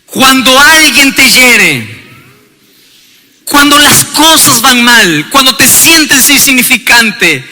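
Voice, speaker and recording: A male pastor preaching a sermon, calling for responses from the congregation and building up to shouts. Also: extremely high pitch, very animated, slow, in a large hall.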